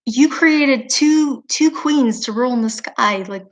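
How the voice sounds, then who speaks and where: A woman's voice: high voice, a little slow. A woman voicing the moon as an indignant female figure who complains she has been wronged, in a chatty exasperated way.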